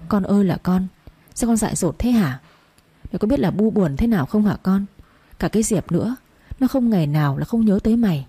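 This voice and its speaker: A woman voicing an aging peasant mother who scolds her son quickly and tearfully. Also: medium pitch, lively intonation, dark tone, breathy edge. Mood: tearful scolding.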